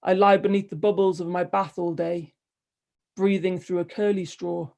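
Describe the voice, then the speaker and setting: A woman poet reading her poems aloud in a measured, wry delivery, with hesitant, rambling asides between them. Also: lowish voice, flat delivery, creaky, darkish tone. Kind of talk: poetry reading with spoken asides.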